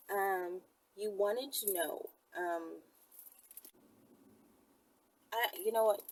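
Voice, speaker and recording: A Bahamian-accented woman hosts her own channel, giving viewers casual, candid advice in blunt, informal language sprinkled with swearing. Her low voice is creaky, husky and a little mellow. The recording is low quality.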